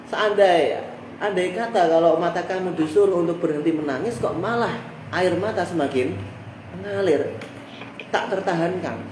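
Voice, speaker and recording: A man with a Javanese accent leads a religious text study in a somewhat high voice, reciting Arabic lines and then explaining them in lively local speech. He sounds far from the mic in a roomy, echoing space with steady background noise. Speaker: religious teacher. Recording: echoey room, heard from a distance with background noise.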